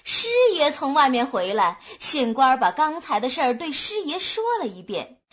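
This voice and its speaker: A woman narrating a humorous folk tale in a lively, expressive storytelling manner, on a dull lo-fi recording. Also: high-pitched, normal speed, slightly rough.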